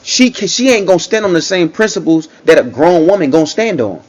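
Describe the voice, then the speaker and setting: A man's voice: sits high, big pitch swings, fairly quick, muffled recording, a little hiss or hum. A man giving casual reaction commentary, talking in a loose, repetitive way and often checking in with the listener. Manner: conversational, repeats himself, frequent "you know what I'm saying".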